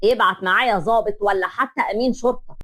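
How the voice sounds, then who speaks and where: A woman voicing a stern, protective middle-aged father with an Egyptian accent, speaking in a grave, measured way in a told story. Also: mid-range voice, fairly bright tone, voice pushed down, lightly acted. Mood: firm, stern.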